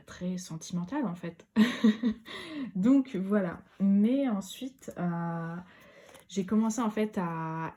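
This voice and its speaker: Hesitant woman vlogger with a mellow voice. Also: on the low side. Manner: hesitant, many fillers and restarts. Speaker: tarot vlogger. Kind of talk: casual video monologue.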